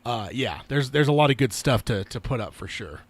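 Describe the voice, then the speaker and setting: A man co-hosting a podcast in casual chat, halting and stop-start, his voice slightly weak and strained after being sick. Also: mid-range voice, expressive, slightly rough. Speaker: podcast co-host.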